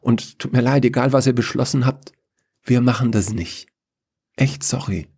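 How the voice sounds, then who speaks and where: A man's voice: mid-range voice, moderate pace, a little mellow, husky, voice pushed up. A man voicing a breezy young woman administrator who speaks in a chirpy, offhand way.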